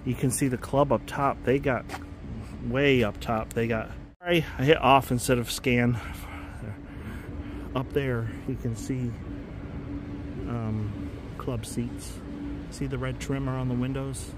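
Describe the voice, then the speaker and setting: A man's voice: mid-range voice, fairly even intonation, takes it slowly, long pauses, noisy background. A man filming a casual walking vlog as he tours a stadium, talking in an enthusiastic, rambling way and often correcting himself mid-sentence. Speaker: stadium tour vlogger. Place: outdoors in a large stadium.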